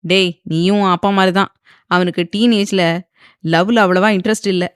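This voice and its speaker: A woman's voice: medium pitch, fairly even intonation, normal speed, clean tone, no room sound, studio quality, lightly acted. A woman voicing a proud middle-aged man in an audio novel, boasting in a joking way. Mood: boastful.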